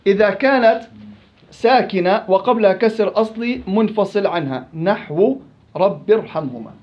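A man's voice: sits high, moderate pace, echoey room, highs cut off. A man with a Levantine Arabic accent teaching Quran recitation rules in an interactive class, questioning and prompting his students.

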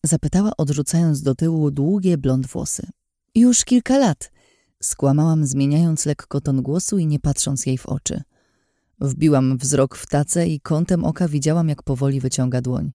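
Warm-voiced woman reading an audiobook. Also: deep voice, fairly even intonation, normal speed, no echo, clean studio sound. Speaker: audiobook narrator. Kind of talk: scripted first-person narration.

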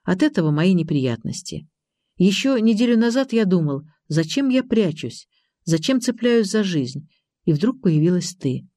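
A reader voicing a reserved young man, a wounded loner who answers in short, soft-spoken phrases, in an audiobook. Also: mid-range voice, very animated, moderate pace, no echo, studio quality, lightly acted. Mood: quiet. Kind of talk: audiobook character reading.

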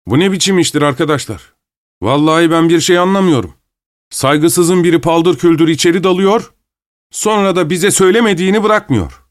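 A man's voice: a little high, a little fast, no echo, studio quality, voice pushed up, natural voice. A man voicing a flustered, indignant male bank cashier who complains.

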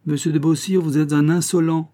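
A man reading an audiobook voices a scornful, sharp-tongued young mother, mocking and quick to anger. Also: mid-range voice, lightly acted. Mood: angry. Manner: mocking, exasperated.

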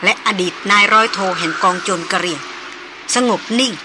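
A woman narrating a novel as an audiobook in an even, measured storytelling manner. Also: on the low side, noisy background.

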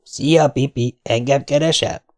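A man's voice: medium pitch, steady tone, voice pushed up, natural voice. A man voicing a mocking, drunk young street thug. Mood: jeering. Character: greasy long-haired teen thug, jeering.

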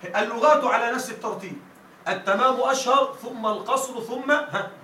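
A man with a high, bright and forceful voice teaches a grammar class. He keeps asking his students if they follow him and stretches out the lines he quotes. He sounds set back from the mic in an echoey room with a faint hiss. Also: far from the mic. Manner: repeatedly checks students follow, quotes verses with stretched slow emphasis. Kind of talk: classroom lesson.

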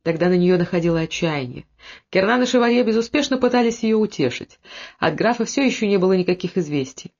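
A narrator reading a historical novel aloud in measured, scripted narration. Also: medium pitch, expressive, darkish tone. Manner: measured storytelling. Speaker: audiobook narrator. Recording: dull lo-fi audiobook recording.

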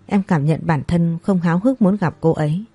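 A woman's voice: on the low side, normal speed, warm tone, slightly rough, no echo, faint music behind. A woman voicing a troubled married man who talks in a plain, reassuring way.

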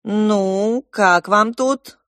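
A woman voicing a spoiled, capricious young prince who is bossy and excitable. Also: mid-range voice, extremely slow, dry recording, clean studio sound, pitched above the performer's own voice.

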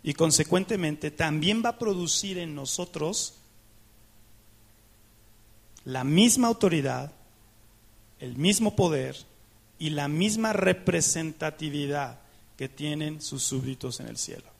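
A man's voice: a little high, lively intonation, measured pace, creaky, breathy edge. A man preaching a sermon, asking the congregation questions and acting out prayers to God. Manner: asks the congregation questions, rhetorical and emphatic; acts out dialogues with God in prayer. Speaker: pastor.

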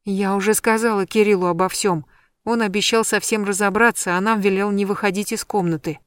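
A frightened young heroine, as voiced by a woman reading an audiobook stammers out her words in agitation. The voice is middle-pitched and recorded close and dry. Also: fairly even intonation, fairly quick, smooth, no echo, natural voice. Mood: consoling. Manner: stammering, agitated, shouting and whispering. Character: frightened young heroine who found a murder victim.

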